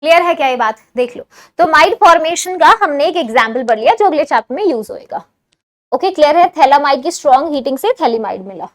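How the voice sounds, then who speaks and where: A high-pitched woman runs an online chemistry lecture for exam students. She switches between Hindi and English in the same sentence. She keeps stopping to quiz her viewers and asks whether each step is clear. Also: animated, quick pace. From India. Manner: mixes Hindi with English phrases. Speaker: chemistry teacher.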